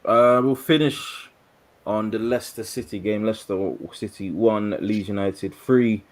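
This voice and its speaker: A man's voice: on the low side, fairly even intonation, unhurried. A man on a remote call to a football podcast, running through scores and standings and thinking aloud. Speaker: podcast guest. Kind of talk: casual football chat. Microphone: remote call with dropouts.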